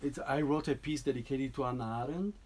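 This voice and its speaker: A composer presents his piece in an informal talk to an audience, explaining it haltingly with many restarts and a recurring tag "no?". His voice is medium-pitched and a little mellow, with slight background noise.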